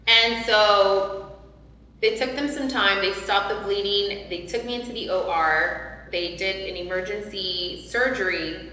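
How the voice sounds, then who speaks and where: A woman's voice: medium pitch, unhurried, bright, forceful tone, slight background noise. A woman on a panel talk, candidly telling a personal story in a casual, emotional way. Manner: emotional, candid, faith-minded. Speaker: panel guest. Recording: echoey room with long reverb.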